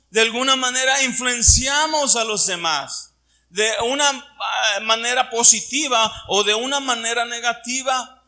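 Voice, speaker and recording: The pastor's pitch is extremely high, and his tone comes across bright and forceful. He's a middle-aged Puerto Vallarta native with a Puerto Vallarta Mexican Spanish accent, giving a Sunday sermon full of questions for his flock.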